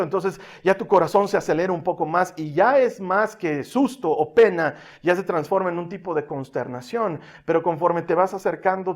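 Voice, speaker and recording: High-voiced man preaching a sermon. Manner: swings from lively and loud to soft and hushed; asks the congregation for amens, uses everyday examples. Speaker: pastor.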